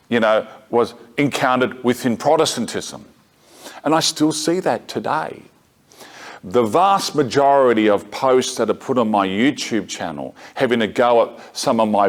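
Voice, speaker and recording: A middle-aged man gives a talk to a parish group, moving between points of argument and stories from his own life. His delivery is conversational and unpolished, full of restarts and self-corrections, with dry, wry asides. His voice sits at an ordinary middle pitch for a man. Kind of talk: lecture mixed with personal anecdote. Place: parish gathering room.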